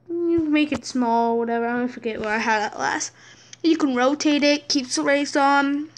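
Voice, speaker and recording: A woman talking through a casual app tutorial as a YouTuber, rambling and jokey, with asides muttered under her breath. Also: high-pitched. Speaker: YouTuber demonstrating apps.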